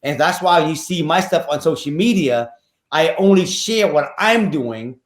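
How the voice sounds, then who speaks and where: His pitch is fairly high and his pace measured, with a roomy sound around him. The guest, a Vietnamese real estate investor in his fifties, shares his life story in a casual podcast interview, speaking earnestly, repeating himself, and using somewhat nonstandard English grammar.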